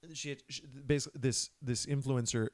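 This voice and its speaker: A young man in casual podcast conversation, mid-pitched and chatty. He tells stories with lots of filler words and drops his voice low for impressions of the people in them. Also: steady tone, a little fast, a little mellow. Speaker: podcast co-host. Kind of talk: casual chat.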